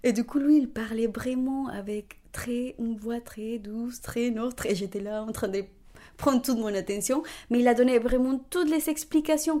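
Young Colombian woman, lively and laughing. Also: fairly high pitch. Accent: Colombian Spanish. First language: Spanish. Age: 20s. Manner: animated, laughs often, frequent fillers and restarts. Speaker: interviewee. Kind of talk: conversational testimony.

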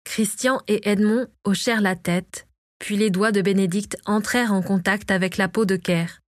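Woman narrator, audiobook reading, dry close voice, mid pitch, measured. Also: fairly even intonation, no echo.

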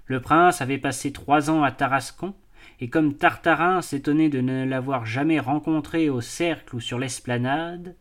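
A man narrating a classic novel as an audiobook, with a measured, expressive reading. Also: fairly high pitch. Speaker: audiobook reader. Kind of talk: scripted narration.

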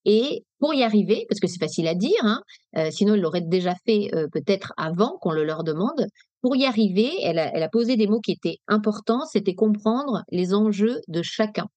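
Lively French woman coaching negotiation. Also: medium pitch, brisk, no room sound. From Nice, France. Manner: lively, direct, explanatory. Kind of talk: webinar talk. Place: webinar, dry room.

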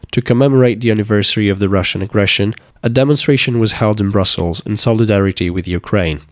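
A man's voice: on the low side, no echo, studio quality. A man hosting a student podcast, asking attentive, prompting questions. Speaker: podcast host.

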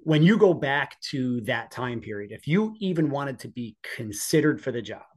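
He is a podcast guest in his forties, a police officer and onetime EMT from the northeastern US, recounting personal stories conversationally in an American accent. His medium-pitched voice is expressive and somewhat dark in tone, at a moderate pace.

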